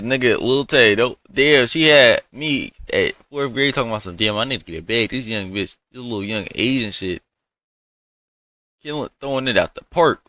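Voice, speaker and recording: A young man reacts in loose, profane, offhand chatter, his voice bright and forceful. The sound is dry and close to the mic. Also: mid-range voice, no room sound. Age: young adult. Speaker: reaction streamer. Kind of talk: casual reaction commentary.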